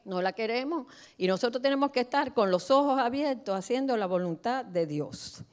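Middle-aged lady pastor preaching, kinda high smooth voice, goes from quiet asides to loud declarations. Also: expressive, moderate pace. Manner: emphatic, swings between soft asides and loud declarations. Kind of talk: sermon. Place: church.

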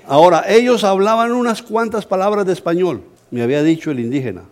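A middle-aged Colombian man, a pastor, preaching a sermon as an animated, humorous story. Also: high-pitched, fast. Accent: Colombian Spanish.

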